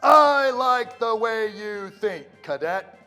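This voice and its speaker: An actor playing a strict male army drill sergeant who shouts commands at recruits. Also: very high-pitched, lively intonation, full character voice. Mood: commanding. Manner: shouted military commands, drawn-out emphatic delivery. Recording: long reverb with music underneath.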